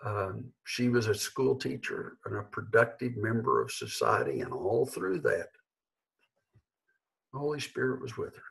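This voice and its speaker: A man in his sixties, a pastor, delivering an earnest, measured sermon from his living room into a webcam. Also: fairly low pitch, lively intonation, vocal fry, fairly bright tone, low-quality recording. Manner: earnest, measured, with emphatic slowed phrases. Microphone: webcam at desk.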